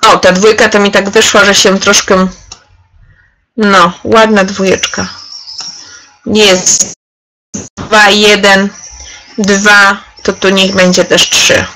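A woman's voice: medium pitch, little pitch movement, takes it slowly, long pauses, sharp tone, a little hiss or hum, poor audio. Upbeat woman trainer leading a webinar. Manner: chatty and encouraging, addresses participants by name. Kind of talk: live online workshop demonstration.

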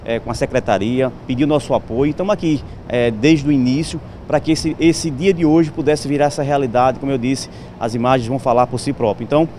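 Guy in his 50s, normal pitch, outdoor interview, bit of noise. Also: darkish tone. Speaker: interviewed agriculture official. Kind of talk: on-location interview. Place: open cattle shed at night. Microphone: handheld reporter's microphone.

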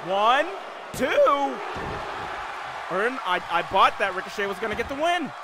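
Excitable high-pitched man, wrestling commentator. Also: fast talker, crowd noise, noisy background. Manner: excitable, exclamatory calls. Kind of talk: play-by-play wrestling commentary on a video game stream. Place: indoor gaming room.

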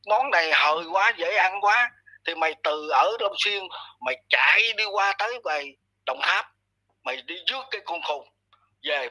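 Male commentator, husky and sharp-edged, blunt scolding rant, talks down to his target. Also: high-pitched, poor audio. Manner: blunt, scolding, addresses listener harshly. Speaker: online commentator. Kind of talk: ranting commentary monologue.

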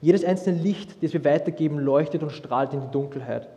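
A young man preaching a sermon, lively and humorous, with many restarts as he tells stories. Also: fairly high pitch, fairly quick. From Austria. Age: young adult. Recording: long hall reverb.

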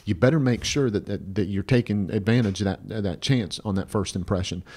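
A man in his fifties co-hosts an advice podcast from a small indoor studio, speaking into a close mic on a stand. His voice is fairly low, fairly quick and a little mellow, and he talks bluntly and emphatically, repeating phrases and asking "right?"

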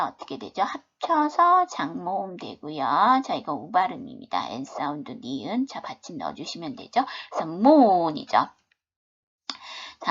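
A woman's voice: fairly low pitch, bright, forceful tone. A woman teaching a beginners' English phonics lesson, patiently spelling out words letter by letter. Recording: dull lo-fi video-class audio.

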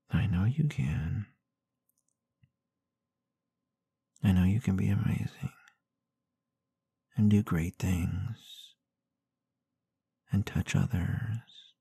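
In this ASMR role-play, a man plays a gently dominant, protective boyfriend at bedtime, murmuring tender, encouraging, adoring reassurance in full character. His low, husky voice crackles with fry, breathy and intimate. He's on a close microphone in a very dry space with no room sound.

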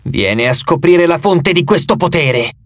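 A man's voice: fairly high pitch, animated, no room sound. A man voicing a dry, papery ghost boy. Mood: uneasy. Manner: slow, subdued delivery. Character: ghostly boy hero, dry, weary, haunted.

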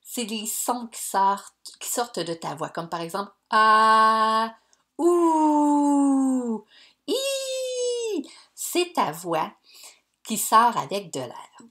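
A woman, teaching young pupils in a slow, clear, encouraging way. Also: mid-range voice, expressive, fairly bright tone. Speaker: primary school teacher. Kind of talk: recorded lesson for young pupils.

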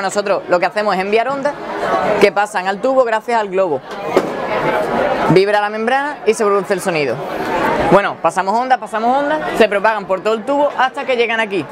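A young man from Spain explains a classroom-style science experiment with eager energy, pausing to correct himself now and then. The camera mic catches him over a loud crowd. Steady noise fills the background. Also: sits high. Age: young adult. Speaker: student presenter. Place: indoor exhibit room with wood walls.

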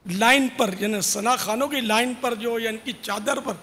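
A man's voice: very high-pitched, bright, forceful tone, in a large hall, a little hiss or hum. A man preaching an informal sermon to devotional singers, urging them earnestly and dropping casual asides. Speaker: religious preacher.

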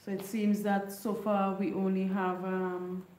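Chatting with her livestream viewers from a living room lit by neon, a middle-aged Grenadian woman retells a folk story and reads their comments in a Grenadian Creole English accent. Her mid-range voice is a little mellow, level in tone and measured in pace, picked up by a desk mic on a stand in an echoey room.

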